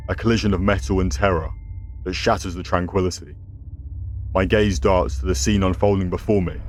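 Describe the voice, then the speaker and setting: Low-voiced man, ominous horror host. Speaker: horror story narrator and host. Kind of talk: scripted horror narration.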